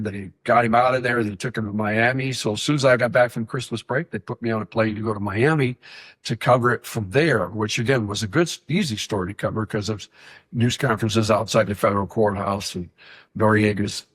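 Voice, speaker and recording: A man's voice: fairly low pitch, steady tone, a little fast, fairly bright tone, slightly rough, dry recording. A middle-aged man, a podcast co-host and former TV reporter, reminiscing in a rambling way with restarts. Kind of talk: casual chat.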